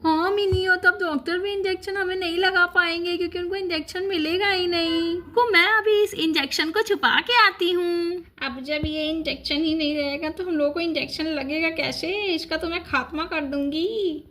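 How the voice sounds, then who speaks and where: A woman's voice: very high voice, steady tone, normal speed, few pauses, sharp tone, a little hiss or hum. A woman voicing Shaili, a scared, scheming little girl in a doll story.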